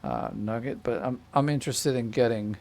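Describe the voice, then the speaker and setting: Gravelly-voiced man playing a game. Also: mid-range voice, normal speed, darkish tone. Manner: rambling, self-correcting, chatty asides to a child. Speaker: gaming channel host. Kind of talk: casual gameplay commentary. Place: home desk with a small child nearby.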